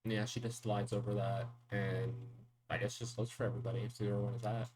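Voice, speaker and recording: A woman's voice: extremely low pitch, little pitch movement, a little fast, darkish tone, a little hiss or hum. A woman playing a tabletop game in a loose, casual way. She often laughs and plays her character in the first person. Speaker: player. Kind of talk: tabletop role-play.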